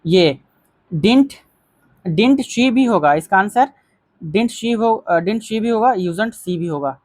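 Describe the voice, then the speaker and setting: A teacher giving a grammar lesson, calling viewers friends, repeating key phrases and reading example sentences out slowly. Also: medium pitch, expressive, darkish tone, no echo.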